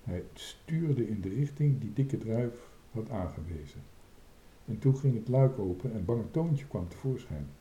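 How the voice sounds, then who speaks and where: A man reading a children's book aloud in an expressive, dramatic way. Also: fairly low pitch, unhurried, roomy sound, slight background noise. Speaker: storyteller.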